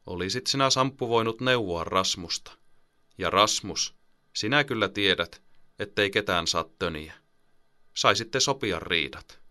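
A man's voice: fairly low pitch, animated, sharp tone. A man voicing a mother in an audiobook, coaxing and firm with her children. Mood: stern. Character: patient but firm mother. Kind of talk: audiobook character voice.

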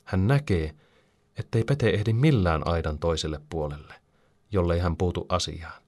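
A man reading a children's story aloud as narrator, calm and even. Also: deep voice.

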